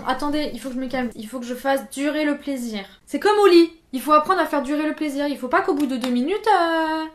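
A woman's voice: high-pitched, reverberant, slight background noise. A young woman from France chatting casually through a clothing try-on haul, jokey and self-mocking. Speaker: fashion YouTuber. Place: room indoors under artificial lights.

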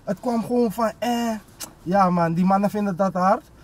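A man's voice: high voice, moderate pace, crowd noise. A young man chatting casually and telling personal stories in street slang mixed with English, with repeated filler phrases. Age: young adult. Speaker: rapper, guest. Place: inside a parked car.

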